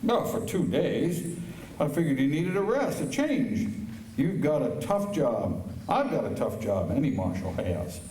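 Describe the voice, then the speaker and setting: An American man playing a kindly, weary frontier marshal in a Western radio play, calm, plainspoken and reassuring. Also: medium pitch, a little slow. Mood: firm, weary. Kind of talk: stage performance of old-time Western radio drama. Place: high school auditorium stage. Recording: echoey auditorium, distant mic.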